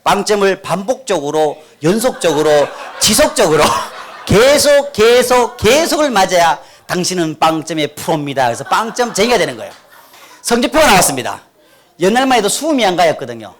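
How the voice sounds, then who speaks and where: Lively high-voiced man telling funny testimony. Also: a little fast. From Korea, North Gyeongsang. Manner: animated, acts out quotes, leads crowd in repeating. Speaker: guest speaker giving testimony. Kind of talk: humorous church testimony. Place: church hall with audience. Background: audience laughter.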